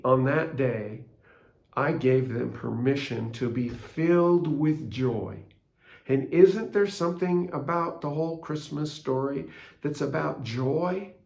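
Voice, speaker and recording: A man's voice: a little high, a little mellow. An older man hosting a casual spoken reflection, telling a story in a chatty way and asking rhetorical questions. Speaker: blog host. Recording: roomy echo.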